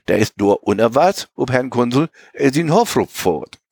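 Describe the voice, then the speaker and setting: A man voicing a young dock worker, stubborn yet timid, speaking meekly with a Low German accent in a raised voice. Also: lively intonation, moderate pace, a little mellow, husky, no room sound, studio quality.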